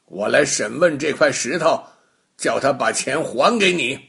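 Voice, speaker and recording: A man's voice: medium pitch, lively intonation, unhurried, creaky, a bit bright, heavily acted. A man doing a stern old-time judge. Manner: commanding, stern. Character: stern wise official judge, grown man.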